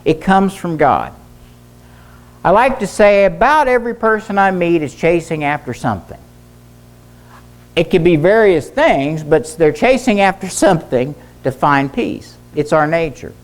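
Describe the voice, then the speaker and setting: A man's voice: a little high, animated, measured pace. A middle-aged man, a pastor and former doctor, preaching a sermon in a church service, telling stories earnestly and repeating key phrases for emphasis. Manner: earnest storytelling with emphatic repetition. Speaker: pastor and teacher, former physician.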